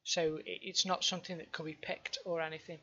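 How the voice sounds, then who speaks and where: A woman's voice: deep voice, flat delivery, fairly quick, bright, forceful tone, dull audio. A woman running a tabletop game as game master, narrating and explaining in a hesitant, improvised way.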